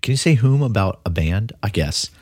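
A man hosting a casual podcast, joking and quick to laugh, with a husky voice. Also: fairly low pitch, animated, a little mellow, dry recording. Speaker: podcast host.

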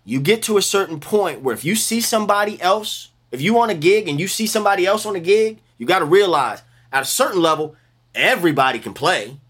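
A man in his forties with a high-pitched, bright voice talks shop about his music work. He speaks with emphatic, animated energy and sometimes drops into a mock preacher's rhythm. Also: a little fast, husky. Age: 40s. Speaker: bass player guest. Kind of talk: casual interview chat.

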